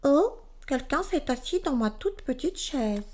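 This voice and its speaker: A woman voicing a tiny baby bear in a very high, squeaky, tearful little voice, reading a children's storybook. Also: lively intonation, a little slow, a little mellow.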